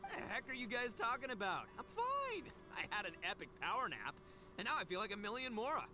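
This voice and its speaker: A man's voice: sits high, huge pitch swings. A man voicing a brash, good-hearted young gang boss in a video game, cocky and bombastic. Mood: cocky, puzzled. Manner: cocky, bombastic, drawn-out emphatic words.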